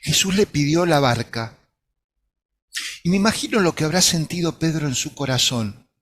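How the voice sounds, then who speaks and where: Higher-voiced man preaching a sermon. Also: animated, moderate pace, fairly bright tone. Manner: earnest storytelling, imaginative retelling.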